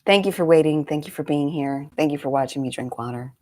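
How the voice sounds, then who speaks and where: This woman in her forties, a meditation coach, chats casually on a live stream with a low, darkish voice and a quick pace. She sounds slightly congested and rambles through friendly asides.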